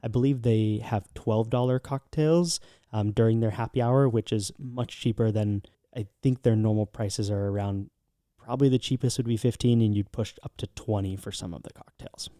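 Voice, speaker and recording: American guy cohosting a travel podcast, mellow voice, super dry recording, just chatting recs. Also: fairly low pitch, steady tone, normal speed, no room sound. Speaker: podcast co-host. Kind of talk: casual travel recommendation podcast talk.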